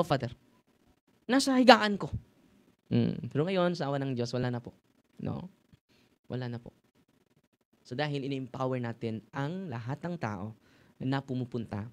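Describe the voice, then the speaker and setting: A Filipino-accented priest preaching in a loose, conversational way, peppering his talk with little tag questions. His voice sits at an ordinary middle pitch, and now and then he rises into loud, ringing exclamations. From Philippines. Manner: chatty, tag questions, mixes languages, sudden loud exclamations. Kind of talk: informal sermon to a live audience.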